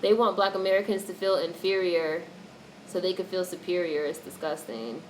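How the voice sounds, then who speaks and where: A lowish-voiced woman speaking at normal speed hosts a relaxed livestream, responding to chat comments bluntly, with strong opinions and free swearing. There's noticeable background noise in the stream audio.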